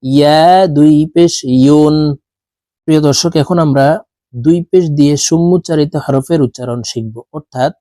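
A man with a Bangladeshi accent teaching Quran letter pronunciation, slowly chanting drills and explaining the rules more quickly and softly. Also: medium pitch, no room sound. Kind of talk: slow drilled recitation lesson.

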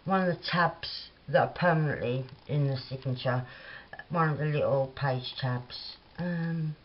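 A London craft vlogger with a Cockney accent chats and thinks aloud at her craft desk in a casual tutorial. Her voice sits low and she speaks a little slowly, with a lo-fi sound.

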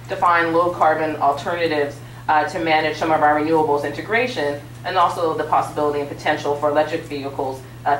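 On a large auditorium stage before an audience, a state utilities commissioner, a woman with a low-pitched voice, delivers formal policy remarks on a panel, sprinkling in many small fillers. The recording has roomy hall sound captured from a distance, with slight background noise.

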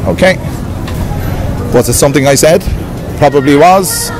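A man's voice: a little high, normal speed, low-quality recording. An Irish man in his fifties hosting a casual street vlog at a night market, rambling and repeating himself as he talks to his viewers. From Ireland. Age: 50s. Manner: chatty, repetitive, addresses viewers as lads. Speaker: vlogger host. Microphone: handheld camera mic. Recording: outdoor street with crowd and music.

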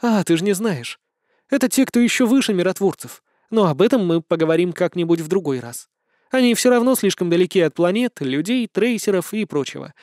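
A man's voice: high voice, lively intonation, brisk, a little mellow, no echo, studio quality. A male audiobook reader voicing a fierce, emotional young woman with divine power. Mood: scornful. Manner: emotional, protective. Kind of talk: audiobook dialogue.

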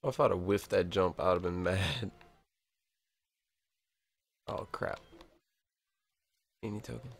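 A man's voice: low voice, unhurried, vocal fry, pauses often, husky. A man casually commenting while playing a retro video game, muttering reactions and swearing now and then. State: has the hiccups. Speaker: let's play gamer.

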